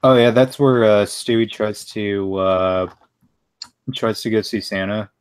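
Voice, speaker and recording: Male stream guest, smooth resonant low voice, halting delivery. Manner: hesitant, many "uh" pauses. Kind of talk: casual chat on a live stream.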